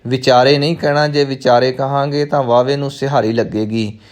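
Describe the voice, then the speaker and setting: A man teaching the correct recitation of scripture. He chants each verse very slowly, then explains the pronunciation in quick, plain speech. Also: mid-range voice, steady tone. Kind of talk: slow recitation lesson.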